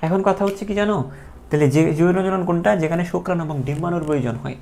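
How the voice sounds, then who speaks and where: A man's voice: sits high, racing, vocal fry, a little mellow, a little hiss or hum. A man teaching a biology class live online, chatty, asking questions and answering them himself.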